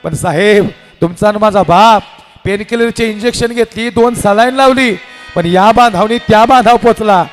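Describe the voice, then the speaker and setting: High-voiced impassioned male kirtan preacher. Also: moderate pace, faint music behind. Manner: impassioned, storytelling with acted dialogue. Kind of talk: devotional kirtan sermon. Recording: live hall with reverb and instruments.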